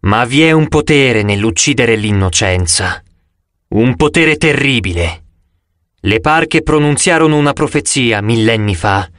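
A man's voice: mid-range voice, animated, a little slow, fairly bright tone, no echo, studio quality, pitched below the performer's own voice. A man voicing a proud young immortal huntress who speaks in grave, old-fashioned phrases, in an audiobook. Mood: solemn.

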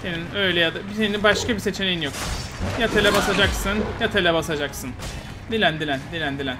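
A Turkish man giving heated, taunting commentary while playing a game, swinging between loud outbursts and muttering. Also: sits high, fast, music in the background. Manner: excitable, frustrated, taunting, swings loud and quiet. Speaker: gaming YouTuber. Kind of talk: live gameplay commentary.

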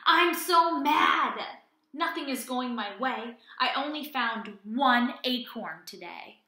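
A woman voicing an excitable little squirrel from a children's storybook, with emphatic, drawn-out exclamations. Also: sits high, echoey room, exaggerated voice. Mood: mad.

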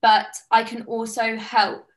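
A British woman in her twenties, appearing as a guest, is an online fitness coach chatting enthusiastically over a casual video call from a small, plain-walled room indoors. She's chatty and eager and gestures with her hands. Her voice sits a little high, but her delivery is completely flat and her pace is slow.

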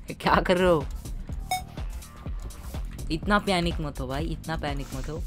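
A man doing casual gameplay commentary for his gaming videos. He is chatty and excitable and keeps calling his viewers "guys". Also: fairly high pitch, slow pace, over music.

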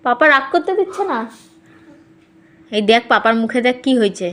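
A woman's voice: on the high side, very animated, moderate pace, a bit bright. A woman vlogging at home, playfully teasing and coaxing her small daughter. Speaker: mother and vlogger. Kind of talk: casual family vlog.

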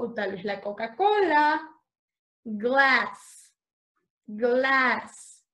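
A young adult woman leads an online English lesson for small children, drawing out each letter as she spells and cheering the class on. Her voice sits high and her pace is very slow and deliberate. She moves back and forth between English words and Spanish explanations. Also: fairly bright tone. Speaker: teacher.

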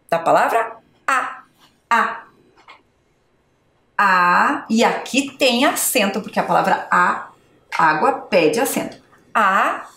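Woman teacher, children's spelling lesson, sounds out syllables, higher voice, roomy echo. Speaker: schoolteacher. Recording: echoey room.

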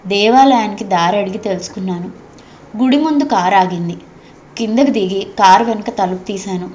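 A woman reading a story aloud in a measured, heartfelt storytelling voice. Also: medium pitch, a little mellow, a little hiss or hum. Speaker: audiobook narrator. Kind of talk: scripted story narration. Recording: dull, slightly lo-fi recording.

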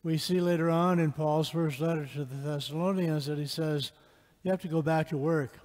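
A man's voice: a little high, fairly even intonation, normal speed, a little mellow. An older man, a priest, gives an informal homily in a conversational, explanatory way. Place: large church sanctuary, standing. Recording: long reverb of a church.

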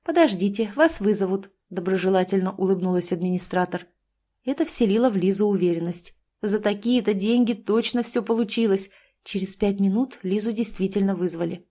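A woman's voice: medium pitch, fairly quick, dark tone. A woman narrating a novel as an audiobook, telling the story expressively.

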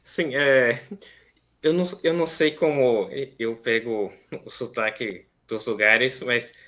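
A man in his twenties with a São Paulo Portuguese accent, from São Paulo, Brazil, speaks as a seminarian guest in a casual interview about his story. His voice is medium-pitched, steady and slow, soft-spoken and full of hesitant fillers. He is on a video call webcam in a small plain room.

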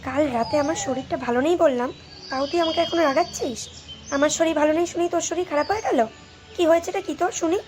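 A woman's voice: extremely high pitch, fast talker, music in the background. A woman voicing a scolding but caring mother in a cartoon, nagging her daughter. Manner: nagging, scolding, then soothing. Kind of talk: Bengali cartoon voice acting.

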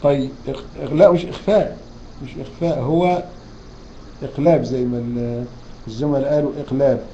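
A man's voice: mid-range voice, fairly even intonation, fast talker, warm tone. A man with an Egyptian Arabic accent teaching Quran recitation in an online lecture, quizzing his students and drawing out the verse words as he recites them. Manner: poses quiz questions to students and answers them. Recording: dull lo-fi online class recording, faint hiss.

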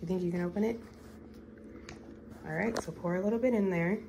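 Gentle low-voiced mom guiding a craft. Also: female voice, a little fast, gravelly, background noise. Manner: gentle, coaxing, guiding step by step. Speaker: mother making a craft with her child. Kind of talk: casual family vlog chat.

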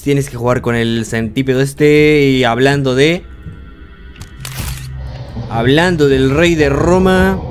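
A jumpy young man talks through a horror game. His voice sits at an ordinary middle pitch. He yelps in panic and mutters to himself over faint game music in the background. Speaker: gameplay streamer. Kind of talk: horror gameplay commentary.

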